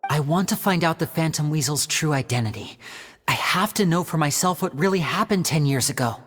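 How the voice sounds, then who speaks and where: A proud young stage magician. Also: male voice, on the high side, animated, a little fast, fairly bright tone. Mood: poised. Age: young adult. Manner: courteous, theatrical, poised. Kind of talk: video game voice acting. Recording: long reverb with music under.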